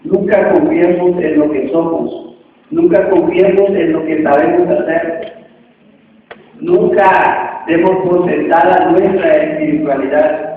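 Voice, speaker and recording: Casting: male preacher, slow sing-song sermon delivery, higher voice, heard from far across a hall. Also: a little hiss or hum. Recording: tinny, echoey hall from far off.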